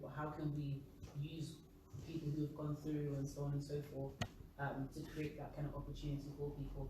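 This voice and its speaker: A young man with a London accent speaking casually and discursively in a discussion. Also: fairly high pitch. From East London, England. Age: young adult. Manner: rambling, discursive. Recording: very echoey room, distant mic, noisy.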